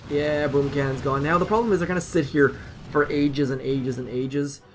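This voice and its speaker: His voice leans high, with fairly even intonation, normal speed, and slight background noise. He's a gaming channel host, likely in his thirties, casually remarking on his own mobile play at home. He thinks aloud in a chatty way and teases himself along the way.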